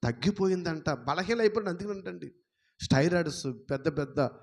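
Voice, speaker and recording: High-pitched, emphatic preaching man. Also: animated, fairly quick, vocal fry. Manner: emphatic preaching, repeating phrases, rhetorical questions; swings between loud exclamations and low murmurs. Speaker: pastor. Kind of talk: sermon.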